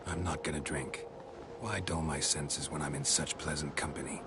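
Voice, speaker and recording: An actor playing a gruff, middle-aged monster hunter in a video game, speaking in a wry deadpan. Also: male voice, very deep voice, normal speed, background noise. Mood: dry, composed. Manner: deadpan, flirting dryly.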